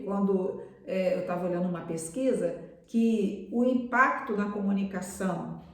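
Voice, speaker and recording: A woman preaches a sermon on a live stream and keeps addressing her listeners tenderly as beloved. Her voice is of middling pitch. She sounds far from the mic in a strongly echoing room. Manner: warm pastoral address, calls listeners "amados".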